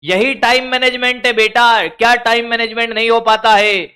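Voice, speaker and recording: A man's voice: very high-pitched, steady tone, normal speed, pushed and bright, clean tone. A man teaching physics exam strategy in a lecture, with a Hindi accent, scolding students in a colloquial, brotherly way.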